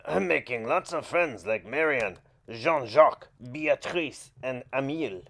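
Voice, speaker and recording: A man's voice: medium pitch, expressive, a little slow, vocal fry, a bit bright, exaggerated voice. A man doing an eager young puppy narrator. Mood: happy. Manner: chatty, exasperated asides. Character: young boy dog, eager and easily sulky.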